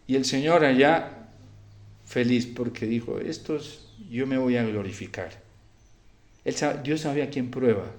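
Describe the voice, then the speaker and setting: A man preaching a Sunday homily as a priest, swinging between quiet, grave passages and loud, fervent ones. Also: mid-range voice, a little slow, roomy sound. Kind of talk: sermon.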